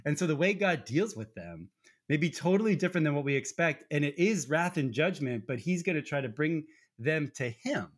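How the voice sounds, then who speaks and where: A man's voice: lively intonation, brisk. A man in his forties telling a personal story in an earnest, conversational way, talking about his faith. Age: 40s. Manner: earnest storytelling, acts out quotes with raised pitch. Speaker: podcast co-host. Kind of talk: faith-based conversational talk.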